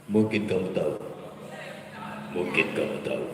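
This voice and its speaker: Man putting on a deep, angry ancient king. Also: expressive, moderate pace, noisy background. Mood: menacing. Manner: deep growling demands. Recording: echoey hall, distant mic.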